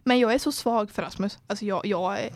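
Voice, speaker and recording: A young woman co-hosting a podcast, speaking casually and haltingly with many fillers. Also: mid-range voice, darkish tone, no echo. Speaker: podcast co-host. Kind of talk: casual chat.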